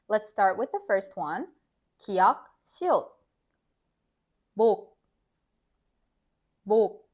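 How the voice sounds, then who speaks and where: A woman teaching Korean pronunciation in an instructional way, drilling final consonants with example words said one by one and repeated. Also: medium pitch. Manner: instructional, says drill words twice in isolation.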